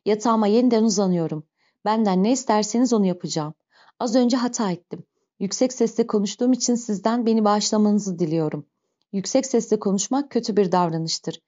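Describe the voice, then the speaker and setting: A sick young mother from a storybook pleads for her child in urgent outbursts, voiced by a woman reading aloud. The tone is dark and mellow. The recording sounds dull and lo-fi. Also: mid-range voice, brisk, close to an everyday voice. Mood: elated.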